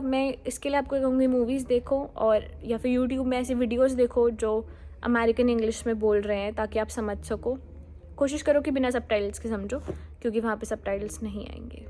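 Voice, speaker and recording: A woman's voice: a little high, fairly even intonation, brisk, darkish tone. A woman giving casual, friendly exam-prep advice straight to viewers, mixing English words into her talk. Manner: mixes Hindi with English words, friendly and direct.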